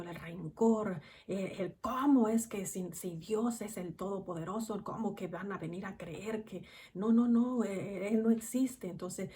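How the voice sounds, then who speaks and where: A woman preaching a sermon and reading from the Bible, emphatic, repeating phrases and swinging between loud and hushed. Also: mid-range voice, slight background noise.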